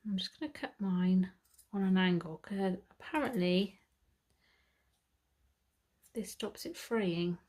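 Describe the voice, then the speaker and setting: Speaking slowly with long pauses, a British woman talks through a sewing project step by step. Her medium-pitched, darkish voice stays chatty as she thinks aloud and corrects herself along the way.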